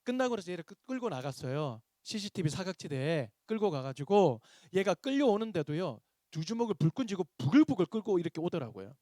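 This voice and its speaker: A man's voice: sits high, fairly quick, few pauses, dry recording, studio quality. A man, a pastor, giving a seminar lecture to teachers, telling stories and acting out the dialogue in them. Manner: animated storyteller acting out dialogue. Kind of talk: seminar lecture with acted anecdotes.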